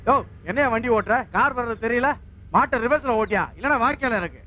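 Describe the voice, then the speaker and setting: Actor as bantering villager, high voice, muffled film audio. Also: male voice, a little fast, close to an everyday voice. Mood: chatty. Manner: teasing, bantering. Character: joking, chatty male villager.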